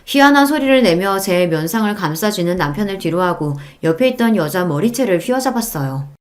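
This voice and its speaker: A woman's voice: mid-range voice, expressive, a little fast. A woman narrating a first-person audiobook story in an indignant, emphatic tone.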